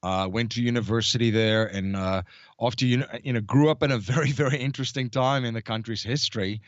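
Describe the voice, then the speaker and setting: A South African man in his thirties, a guest in an interview, telling his story haltingly with many fillers. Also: medium pitch, dry recording, dull audio. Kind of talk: conversational interview.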